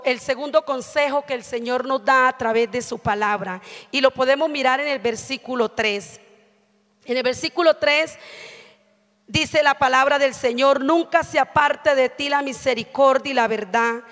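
Woman, middle-aged, sermon, high voice, earnest, handheld mic, long church reverb. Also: a bit bright. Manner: earnest, frequent "amén" and "¿sí?" checks. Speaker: preacher. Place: church stage at a pulpit.

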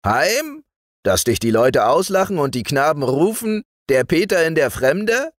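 A scheming wizard from a fairy tale who sneers and scoffs, his husky voice swooping up in scorn, as a narrator puts him on. A plainly acted storybook villain. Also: sits low, huge pitch swings, slow pace, dry recording, studio quality, exaggerated voice. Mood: mocking. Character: scheming, mocking male wizard.

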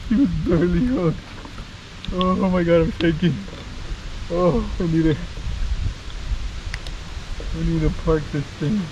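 A man commenting excitedly from a small boat on a river, exclaiming as he talks to his viewers. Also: on the high side, measured pace, long pauses, lo-fi sound. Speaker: fishing vlogger. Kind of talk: casual vlog commentary. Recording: wind and boat noise behind.

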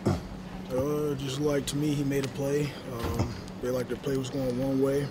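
A young college football player giving a postgame press interview, speaking in a measured, halting way with many fillers. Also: male voice, mid-range voice, flat delivery, very noisy. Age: young adult. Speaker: college linebacker. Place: stadium concourse with crowd noise. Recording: loud crowd behind the voice.

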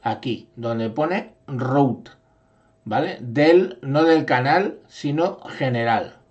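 Slow-talking tutorial guy. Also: mid-range voice, darkish tone, husky, muffled recording. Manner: explanatory, frequent "¿vale?" check-ins. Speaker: software tutorial presenter. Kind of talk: screen-recorded software tutorial. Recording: echoey processed signal through audio effects.

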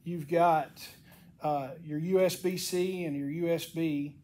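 Give me a middle-aged man reviewing gear in his workshop, with a somewhat high voice for a man. He sounds stuffed up and his voice cracks. His delivery is casual, folksy and unscripted. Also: steady tone, unhurried, mellow, slight background noise. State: congested, voice cracking from sinus infection and allergies. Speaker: product reviewer. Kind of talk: casual unscripted product walk-through. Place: indoor wooden-shelved workshop.

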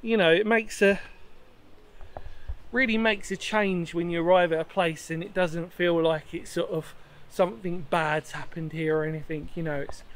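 Man, thirties, slightly high voice, rambling, enthusiastic, self-correcting, handheld camera at arm's length, outdoor sandstone cave. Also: steady tone, normal speed. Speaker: history explorer vlogger. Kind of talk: walking vlog to camera.

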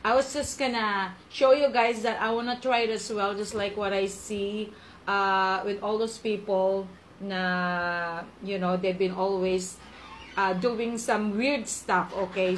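A woman's voice: medium pitch, slight background noise, rough recording. Chatty Filipino woman vlogging a mukbang. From Philippines. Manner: chatty, mixes English and Tagalog, laughs often. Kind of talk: casual mukbang vlog. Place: home.

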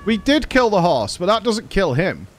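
A man streaming a video game over a headset mic, reacting excitably and swearing often as he plays. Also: high voice, moderate pace, a little hiss or hum. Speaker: livestreamer playing a video game. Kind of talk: live gameplay commentary. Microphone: livestream headset mic.

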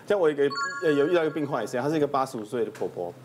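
Male doctor guest, quick and animated, higher voice, some noise behind. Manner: lively, imitates patients, rushed delivery. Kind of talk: telling a funny patient story.

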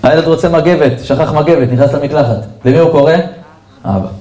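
A man, a rabbi, giving a storytelling sermon in an animated way and speaking straight to his listeners. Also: a little high. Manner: animated storyteller who addresses listeners directly. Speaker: rabbi giving a Torah lesson.

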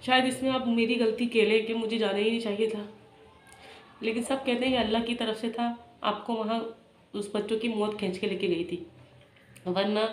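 A woman, telling a personal story in a vlog in an emotional, halting way. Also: fairly high pitch. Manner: emotional, halting retelling with many restarts. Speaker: vlogger. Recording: echoey room with faint noise.

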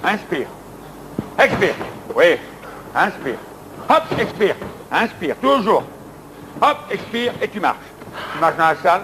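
A man coaching an exercise session indoors, giving brisk counted commands and encouragement. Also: high voice, big pitch swings, noisy background. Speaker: fitness coach.

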